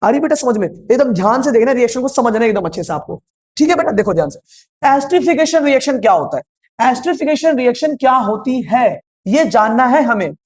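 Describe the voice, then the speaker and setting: A man's voice: very high-pitched, expressive, brisk, breathy edge. Coaxing male science teacher. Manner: repetitive quizzing, calls students "beta"; coaxing, reassuring. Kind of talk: online class lecture.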